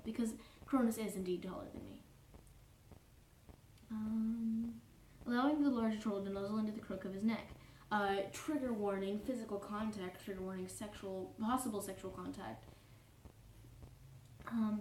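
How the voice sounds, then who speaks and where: In a cosplay reading of fanfiction, a woman voices a prim young troll who takes offense easily, speaking pedantically and stopping now and then to correct herself and apologize. Her tone is mellow and somewhat dark, medium in pitch and near her everyday voice. The recording sounds distant and echoey, with faint noise underneath.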